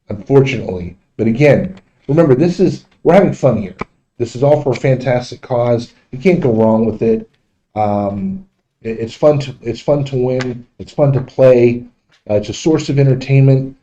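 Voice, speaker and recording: A man hosting a casual, unscripted livestream, speaking in a halting, repetitive way, recorded in dull, muffled audio. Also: medium pitch, warm tone, a little hiss or hum. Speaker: livestream host.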